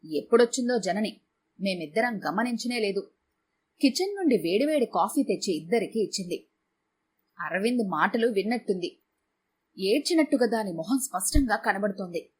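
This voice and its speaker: A woman narrating a first-person audio story in a calm, measured way. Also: medium pitch, a little hiss or hum.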